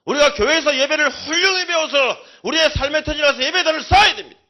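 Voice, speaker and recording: A man giving a fervent testimony sermon in church, swinging from loud preaching to chatty storytelling. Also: very high voice, quick pace. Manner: chatty storytelling with local slang. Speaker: company chairman giving testimony. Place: church sanctuary.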